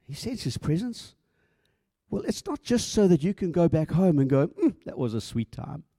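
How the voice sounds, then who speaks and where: A man's voice: high voice, warm tone, husky, dry recording, studio quality. A middle-aged male pastor preaching a conversational sermon, acting out little dialogues and often stumbling and repeating words as he goes.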